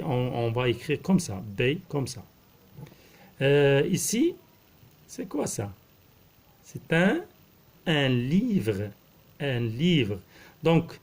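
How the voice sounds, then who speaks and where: A man, a primary school teacher slowly explaining a lesson, repeating words and spelling out letters. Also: medium pitch, darkish tone. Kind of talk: slow classroom explanation.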